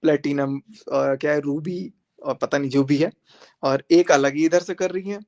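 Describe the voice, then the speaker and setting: A man's voice: a little high, steady tone, moderate pace, a little mellow. A young man on a live stream, speaking defiantly and confrontationally, repeating phrases for emphasis as he challenges his critics. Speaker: social media creator on a live stream. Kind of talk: heated live-stream monologue.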